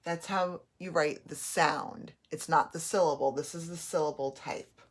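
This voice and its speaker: A woman's voice: low voice, steady tone, a little slow. A woman teaching a phonics and spelling lesson, patiently sounding out letters and words.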